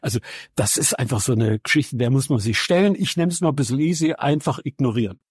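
Speaking quickly and animatedly with a breathy edge, this medium-pitched voice belongs to a veteran radio journalist and musician from Saxony, Germany, now in his seventies. As an interview guest he tells casual anecdotes, colloquial, wry and plain-spoken. The sound is dry and studio-clean.

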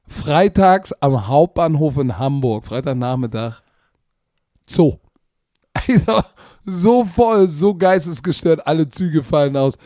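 Animated slangy man, dry mic. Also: a little high, dry recording. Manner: animated, slangy, acts out dialogue. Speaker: podcast co-host. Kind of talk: casual chat, storytelling.

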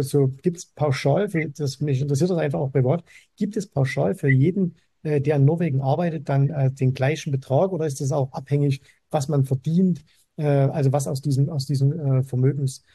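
A man hosting a podcast interview in a casual, halting way, with many fillers and restarts. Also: a little high, fairly even intonation, warm tone, slightly rough, dry recording, studio quality. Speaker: podcast host. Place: Dubai.

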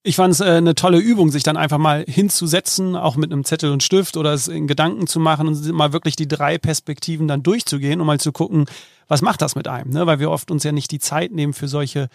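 A man's voice: a little high, fairly even intonation, quick pace, creaky, dry recording, clean studio sound. A man hosting a podcast interview, asking friendly questions with frequent hesitations. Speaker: podcast host.

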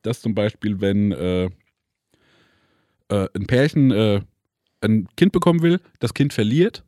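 A man's voice: on the low side, measured pace, warm tone, dry recording, clean studio sound. A man in casual podcast chat, griping in a laid-back, wry way and drawing out his stresses.

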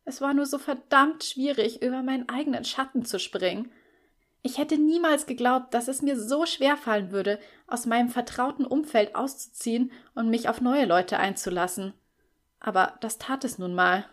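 Expressive woman narrating an audiobook. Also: a little high, normal speed. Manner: expressive, lively storytelling. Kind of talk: scripted first-person audiobook narration.

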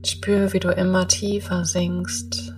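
A woman guiding a meditation in a soft, breathy, half-whispered soothing voice, speaking in slow, spaced-out calm instructions. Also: on the low side, far from the mic, slight background noise. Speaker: podcast host and meditation guide. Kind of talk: guided meditation.

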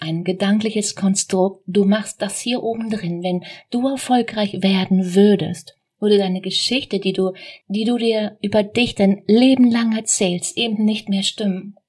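A woman's voice: mid-range voice, darkish tone, slightly rough. A woman hosting a motivational business podcast, talking straight to the listener in a direct coaching manner full of rhetorical questions.

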